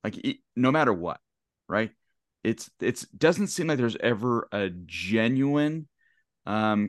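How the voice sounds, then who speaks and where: A man hosting a casual podcast discussion, talking in a halting way with many restarts. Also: on the low side, a bit bright, no echo, studio quality. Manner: halting, lots of restarts and fillers. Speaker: podcast host.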